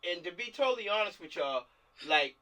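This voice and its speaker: A man leads a table read over a video call, chatting casually in a high, animated, fairly quick voice that sounds pushed and bright. In this casual group discussion he repeats himself and checks in often. The mic sounds distant.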